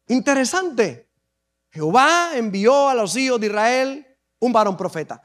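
A Puerto Rican man preaching a sermon as pastor, dramatically acting out scripture scenes with drawn-out emphasis. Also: very high-pitched, big pitch swings, fairly bright tone. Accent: Puerto Rican Spanish. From Puerto Rico.

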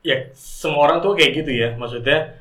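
A man's voice: fairly high pitch, brisk, bright, forceful tone. A middle-aged man chatting casually as a podcast guest, slangy and informal, often acting out the advice he gives. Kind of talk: casual chat. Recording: roomy echo, distant from mic.

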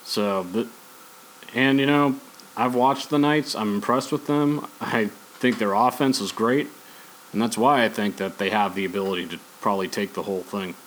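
A man hosts a podcast, rambling casually and sharing opinions on sports and movies in a conversational way. His voice sits fairly low and a bit bright, at a normal speed, and the low-quality recording carries slight background noise.

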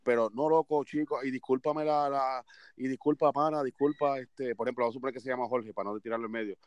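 A man spins his stories in an animated way and laughs as he goes. His voice sits at an everyday middle pitch. The sound is dry and close, with almost no room around it. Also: fast, no room sound. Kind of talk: casual chat.

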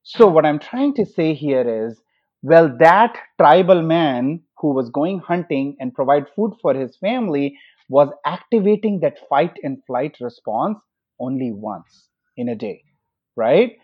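A man's voice: fairly high pitch, lively intonation, a little slow, slightly rough. A man speaking as a doctor on a podcast, patiently explaining with everyday examples and questions to his hosts. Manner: patient, example-driven, asks listeners questions. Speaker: doctor and podcast guest expert. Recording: muffled lo-fi recording.

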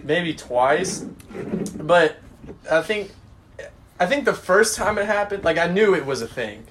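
A man's voice: sits high, expressive, a little slow, background noise. A man chatting casually on a podcast, rambling with lots of fillers and restarts. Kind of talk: casual chat.

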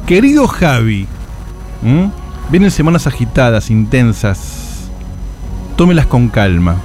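A pompous, touchy horoscope guru with an Argentine accent played by a male comedian. His pitch moves around in a lively way as he addresses people formally and mock-solemnly. Faint music plays behind this comic radio voice. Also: slow pace.

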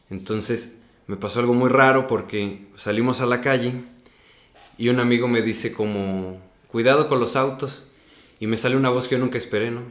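An echoey room carries the mid-range voice of a young man with a Mexican accent. He's telling his acting story in an easygoing interview, lively in delivery and frequently tagging phrases with "¿no?".

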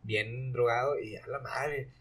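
A young man with a Mexican accent telling an animated, slang-filled story in casual chat. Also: mid-range voice, a little slow, husky. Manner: slangy, animated, acts out voices in anecdotes.

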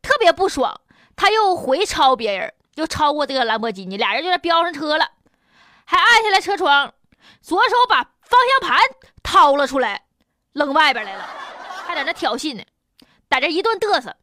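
A woman hosts a comic news commentary in a folksy Northeastern Chinese accent. Her voice sits high and has a sharp, bright edge. She talks in animated rises and drops, colloquial and sardonic throughout. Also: normal speed, no echo, studio quality. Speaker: radio show host.

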